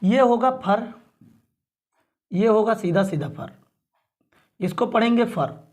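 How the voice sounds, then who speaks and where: A male teacher drilling pronunciation in class, repeating each word and asking again and again how to read it, often clearing his throat. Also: sits high, slow pace, darkish tone.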